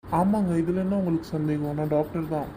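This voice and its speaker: A man playing a calm adult doctor in a home-made skit, reassuring and explaining things patiently, step by step. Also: fairly high pitch, fairly quick, noisy background, lightly acted.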